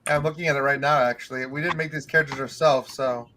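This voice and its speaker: A man's voice: medium pitch, steady tone, fast, bright, forceful tone. A man playing a tabletop role-playing game, talking casually with hesitant, conversational phrasing. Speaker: player.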